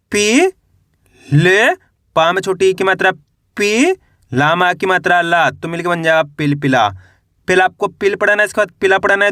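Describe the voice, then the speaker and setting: Bright, high-pitched male reading teacher. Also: no room sound, clean studio sound. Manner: slow, drawn-out syllables, repeats each word as a question and answer. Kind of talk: step-by-step spelling lesson.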